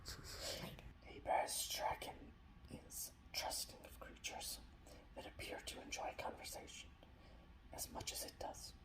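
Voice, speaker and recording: A male ASMR creator whispers breathily, playfully stumbling and repeating himself as he shows off painted miniatures and reads lore. The recording sounds roomy and a little distant.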